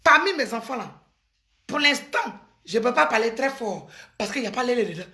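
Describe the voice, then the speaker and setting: A high-pitched, bright-toned woman speaks emphatically, preaching advice at her listeners. She sounds middle-aged and forceful in delivery. The recording sits in an echoey room. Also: expressive, moderate pace. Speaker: commentator giving advice. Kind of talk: impassioned advice monologue.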